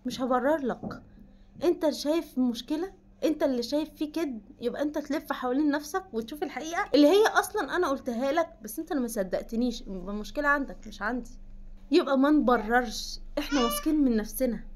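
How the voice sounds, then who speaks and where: A young Egyptian woman speaks quickly in a slightly high voice, coaching her listener. She talks with firm emphasis and addresses them directly as "you". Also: lively intonation. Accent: Egyptian Arabic. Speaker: self-help vlogger. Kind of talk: direct advice to the viewer.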